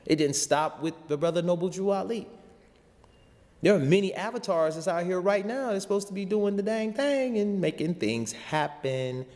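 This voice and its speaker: His voice sits high, sounding expressive and a little mellow at normal speed. This spiritual teacher and show host gives a passionate, sermon-like talk in plain vernacular, repeating lines rhetorically, recorded with long reverb like a hall.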